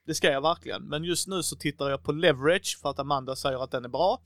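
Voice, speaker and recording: A man's voice: on the high side, no echo. A man in a casual chat, talking enthusiastically and acting out little quotes as he goes. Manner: enthusiastic, animated, quotes himself and others in little acted bits. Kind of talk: casual chat about TV series.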